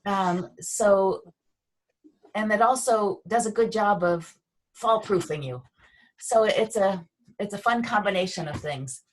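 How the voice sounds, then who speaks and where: A woman teaching a Feldenkrais class over a video call, speaking gently and unhurriedly with pauses and fillers. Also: medium pitch, distant mic, a little hiss or hum. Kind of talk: guided movement lesson over video call.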